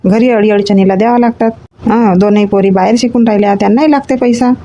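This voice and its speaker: A woman acting as a mother in a comedy sketch, gently scolding and reasoning. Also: medium pitch, fairly even intonation, fast talker, muffled recording, slight background noise. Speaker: comic actor playing a mother.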